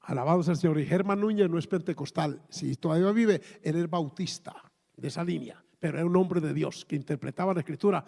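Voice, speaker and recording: A man's voice: a little high, fairly quick, creaky, darkish tone. A man in his fifties with a Colombian accent, preaching a sermon emphatically, with exclamations and repeated words. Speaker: pastor. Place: church hall. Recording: long reverb of a church hall.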